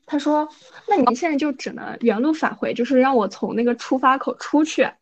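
A woman co-hosting a podcast, telling a story in a casual, animated way and often checking in with her listener. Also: high-pitched, brisk. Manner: animated, frequent "你知道吧" asides. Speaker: podcast co-host.

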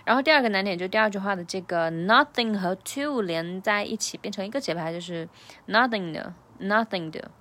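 A woman giving a casual English pronunciation lesson, explaining sounds patiently and repeating phrases slowly. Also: mid-range voice, animated, a bit bright.

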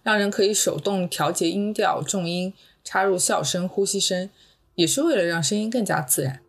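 A woman's voice: fairly low pitch, normal speed, gravelly, breathy edge. A woman hosting a narrated podcast, speaking in a reflective, conversational way. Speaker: podcast host. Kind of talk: narrated podcast with scripted segments.

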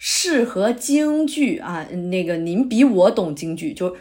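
In an audio drama, a woman voices an earnest, middle-aged male playwright who is an eager pitcher, persuasively explaining his ideas at length. Her pitch is medium with big swings, and she speaks a little slowly in a slightly mellow tone.

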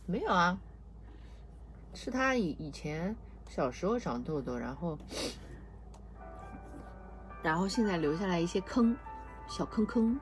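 A woman's voice: on the low side, very animated, a little slow, long pauses. A mother chatting at bedtime with her young daughter, teasing her playfully, laughing often and soothing her. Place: home at bedtime. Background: soft music she plays.

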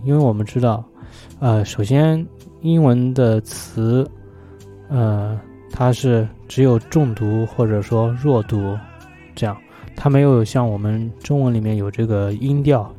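Man, very dark mellow tone, hesitant thoughtful musing, faint music underneath. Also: medium pitch. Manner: thoughtful, hesitant, many fillers. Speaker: vlogger. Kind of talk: casual solo talk about poetry.

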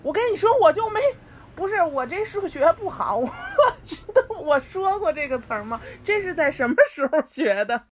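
Lady, kinda high, teasing and laughing, casual podcast chat. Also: expressive, normal speed, slight background noise. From Beijing. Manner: teasing and playful, laughs a lot. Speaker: podcast guest.

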